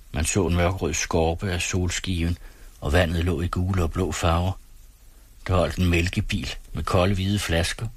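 En mand, der læser en novelle op i et roligt, afmålt tempo. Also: male voice, sits low, slightly rough, no room sound. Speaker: audiobook narrator. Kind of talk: scripted narration.

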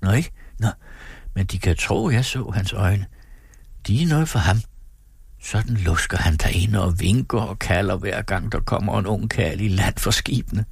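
A man's voice: lowish voice, creaky, husky, no echo, studio quality. A man voicing a sly, fiery young island woman who talks in a confiding half-whisper.

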